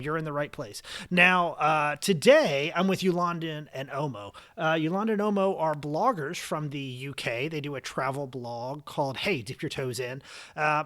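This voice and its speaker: A man's voice: on the high side, a bit bright. An American man hosting a podcast, speaking in a conversational introduction style to his listeners. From United States. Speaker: podcast host and interviewer.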